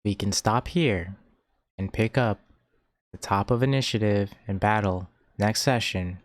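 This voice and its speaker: Male game master, lowish voice, slow delivery, tabletop narration. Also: no room sound.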